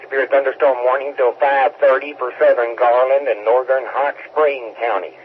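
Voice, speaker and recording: A man's voice: mid-range voice, normal speed. Man running a ham net, tinny radio. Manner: orderly, relaxed, filler-heavy. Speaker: net control operator. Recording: tinny radio with faint static.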